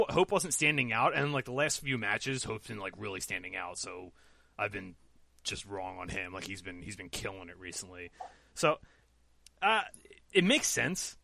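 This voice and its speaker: A man's voice: on the low side, gravelly, bright, forceful tone, no echo. A man hosting a casual esports podcast, talking loosely and correcting himself as he goes. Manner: loose, rambling, self-correcting. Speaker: podcast host.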